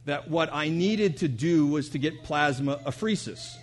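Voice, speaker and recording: Man preaching, swinging loud and soft. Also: fairly high pitch, normal speed. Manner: storytelling, rising to loud emotional peaks then dropping to soft. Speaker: pastor. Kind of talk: sermon.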